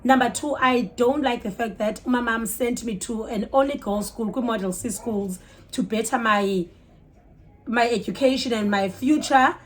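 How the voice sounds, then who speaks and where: At a normal speed and a fairly high pitch, a storytime vlogger with a South African Xhosa accent shares a story in a relaxed, expressive manner. She gets animated, changes languages in the middle of sentences, exclaims, and acts out the dialogue.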